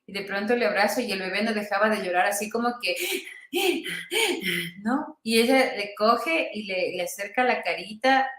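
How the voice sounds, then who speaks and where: A woman doctor being interviewed, telling a patient's story in an earnest, tender way with pauses and restarts. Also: medium pitch, fairly bright tone, echoey room.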